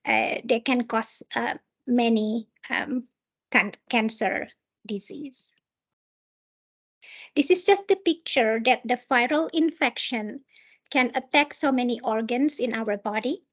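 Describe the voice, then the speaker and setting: A woman with a distinctly high voice and an Indonesian accent presents training material. She speaks as an instructor going through slides, often halting to search for the right word. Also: animated.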